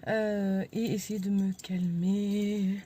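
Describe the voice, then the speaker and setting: Very mellow Frenchwoman chatting casually. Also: mid-range voice, level tone, slow, slight background noise. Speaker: vlogger. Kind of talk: casual chatty vlog about daily chores.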